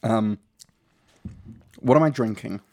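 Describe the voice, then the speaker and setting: A man's voice: lowish voice, takes it slowly, warm tone. A man in a casual chat, tasting and asking curious questions with a dry, joking manner. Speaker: co-host tasting the drink.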